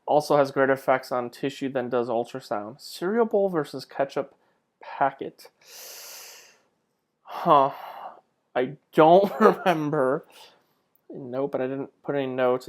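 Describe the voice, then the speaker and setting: Speaking at a measured pace in a mid-range voice, a male lecturer and clinical instructor gives an informal slide talk. His style is conversational, sprinkled with rhetorical questions and self-deprecating asides.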